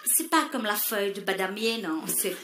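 A woman's voice: medium pitch, animated, normal speed, reverberant, noisy background, natural voice. A woman voicing a pretentious middle-aged Creole mother from Réunion who gushes and drops English words into her French, with a Réunion Creole accent. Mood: gushing. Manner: affected, gushing, sprinkles English words. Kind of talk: stand-up character sketch.

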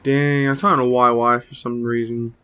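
A slightly hoarse young man giving excitable, trash-talking live commentary over his own gameplay as a gaming channel host. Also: medium pitch, normal speed. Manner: excitable trash talk, cursing. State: slightly hoarse, a little sick.

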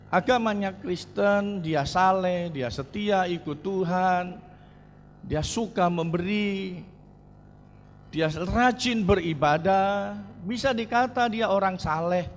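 A man's voice: high-pitched, slow, pauses often, slight background noise. A man preaching a sermon as pastor, telling stories and calling out to the congregation in a church hall. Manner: storytelling with call-and-response to the congregation. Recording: long church hall reverb.

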